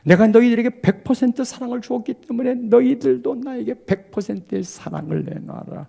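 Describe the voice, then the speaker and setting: A man, a pastor preaching a sermon, who swings from hushed asides to loud cries and acts out the people he quotes. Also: very high voice, a little fast, creaky.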